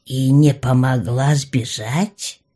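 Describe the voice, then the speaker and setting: A woman voicing a blunt, domineering old female goblin matriarch who talks slowly and curtly, with a grumbling edge. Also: rumbling low, steady tone, dark tone, heavily acted. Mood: gruff. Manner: slow, curt, grumbling.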